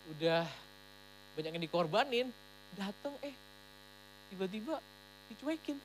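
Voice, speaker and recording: A woman pastor giving a sermon at a church service in a lively, emphatic way, slipping English phrases into her talk. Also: mid-range voice, a little hiss or hum, poor audio.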